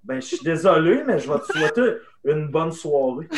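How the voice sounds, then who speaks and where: A young man with a Québécois French accent telling an animated anecdote in casual chat, dropping to hushed tones for the punchlines. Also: a little high, roomy sound, heavy background noise. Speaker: improv guest. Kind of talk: casual storytelling.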